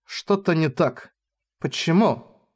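A man's voice: fairly high pitch, lively intonation, takes it slowly, pitched above the performer's own voice. Brave, earnest young swordswoman in an audiobook, voiced by a male reader in a lifted, girlish register. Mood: uneasy.

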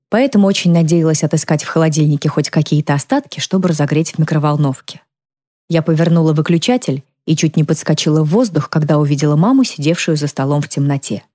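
A woman calmly narrating a first-person novel as an audiobook reader. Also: deep voice.

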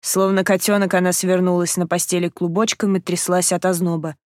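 A woman narrating an audiobook in an even, measured reading. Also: on the low side, no echo, studio quality. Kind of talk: scripted narration.

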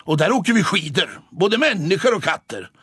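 A man's voice: sits high, very animated, sharp tone, slightly rough, no room sound, clean studio sound, voice pushed up, full character voice. A man voicing a cheerful young male cat who is a ski champion, chatty and upbeat. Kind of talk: audiobook character voice.

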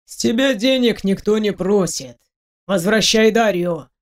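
A woman reading an audiobook, voicing a stern, blunt middle-aged father who speaks slowly and firmly. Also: medium pitch, close to an everyday voice.

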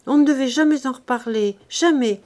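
A woman's voice: sits high, moderate pace, darkish tone, voice pushed up, lightly acted. A woman reading an audiobook, voicing an anxious young woman who pleads near tears. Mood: pleading tearful.

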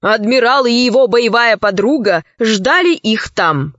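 Slow, measured woman narrating a storybook. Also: fairly high pitch, lively intonation, fairly bright tone, dry recording. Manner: measured, unhurried reading. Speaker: audiobook narrator. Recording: dry, dull lo-fi recording.

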